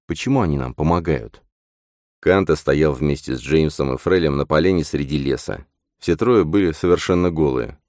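Man, audiobook narrator, extremely deep voice, dry close sound, steady reading. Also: no room sound. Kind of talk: scripted narration.

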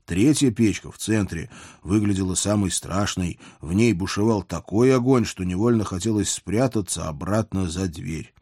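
Brief: male first-person audiobook narrator, dark mellow tone, dry ironic delivery. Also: sits low, moderate pace, breathy edge, no room sound. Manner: wry, ironic storytelling.

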